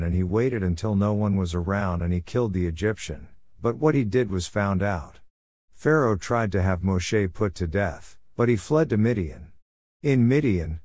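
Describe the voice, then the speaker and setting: A man teaching on the week's Torah portion, reading scripture and commentary in a measured, earnest way. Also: low voice, darkish tone, no echo, clean studio sound. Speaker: Bible teacher.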